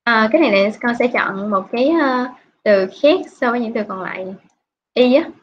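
Her voice is fairly high and animated, with a slight background noise behind it. She's an English teacher from Vietnam patiently posing questions to students in an online video-call class, stretching out her prompts, all captured in dull lo-fi audio.

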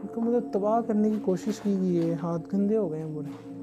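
A man from Pakistan with a high, bright-pitched voice narrates a night-time ghost hunt, hushed and tense one moment, excited the next. He is recorded outdoors on a camera-mounted mic. Clear background music runs under his voice. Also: moderate pace. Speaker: host of a ghost-hunting show. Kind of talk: on-location paranormal investigation vlog. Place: outdoors at night around an abandoned building. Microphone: camera-mounted mic on a handheld gimbal.

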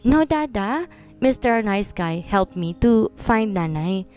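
A woman's voice: medium pitch, animated, slow pace, darkish tone, soft background music. A woman voicing a cheerful, polite little boy who talks in a sweet, childlike, pleading way. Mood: relieved.

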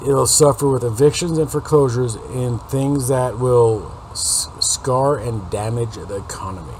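A man in his late forties with a raspy smoker's voice, giving a casual, rambling update to viewers through a webcam. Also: mid-range voice, measured pace, a little mellow. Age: late 40s. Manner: rambling, informal. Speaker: video host. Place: unfinished basement room. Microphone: webcam or laptop mic at desk distance. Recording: noisy webcam recording with background hum.

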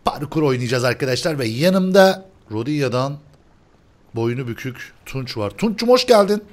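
A young man hosting a gaming video, talking fast and excitedly, yelling and repeating words whenever the game gets tense. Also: medium pitch. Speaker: gaming channel host. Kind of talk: excited gameplay commentary.

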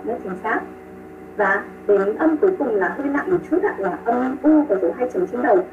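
A woman teaching pronunciation online over a video call. She models sounds slowly, repeats them and praises her students. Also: fairly high pitch, lively intonation, far from the mic, noisy background. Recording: tinny call audio with music behind.

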